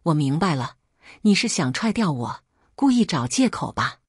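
A woman's voice: low voice, very animated, normal speed, breathy edge, no room sound, heavily acted. A woman reading the lines of a defensive young man in a spoken story, voicing them close to her own voice. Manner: pleading then impatient.

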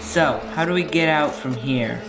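A young American man giving excitable, casual commentary while playing a game. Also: fairly high pitch, moderate pace, background noise. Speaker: gaming video player.

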